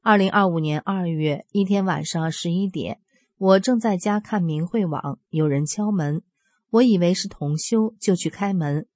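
A woman in her fifties reading aloud a personal account in an earnest, steady storytelling way. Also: fairly low pitch, moderate pace, no echo. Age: 50s. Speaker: religious practitioner sharing a testimony.

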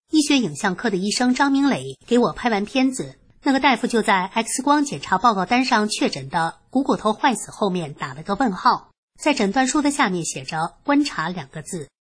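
Husky woman reading a lively testimony. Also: medium pitch. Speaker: narrator of a personal testimony. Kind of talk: read first-person narration.

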